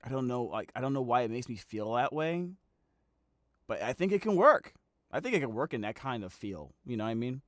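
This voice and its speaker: A man's voice: mid-range voice, sing-song, fairly quick, no room sound, studio quality. A man streamer and voice actor reacting casually and incredulously to a video, rambling through his thoughts. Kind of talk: livestream reaction commentary.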